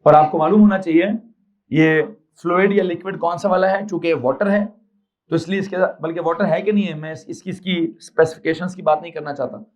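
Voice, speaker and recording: A male physics teacher from Pakistan lectures a class in a slightly high voice. He dictates notes slowly, repeats each phrase and keeps quizzing his students, switching between Urdu and English terms. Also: fairly even intonation, a little mellow, poor audio.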